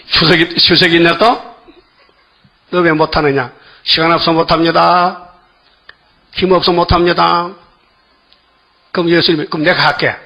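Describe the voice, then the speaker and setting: An older male preacher gives a sermon in a husky, slightly raised voice with a fairly high pitch. He keeps pressing the congregation with quick rhetorical questions, and the recording sounds dull and lo-fi.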